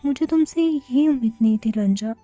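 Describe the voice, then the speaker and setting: A woman voicing a lively, teasing young man who sulks easily, talking in a playful, huffy way. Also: sits high, moderate pace, soft background music, lightly acted.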